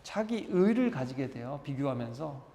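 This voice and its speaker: A man's voice: mid-range voice, very animated, normal speed, mellow. A male pastor preaching a Sunday sermon, acting out quoted voices and asking the congregation to repeat phrases after him. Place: church hall. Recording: echoey church hall with long reverb.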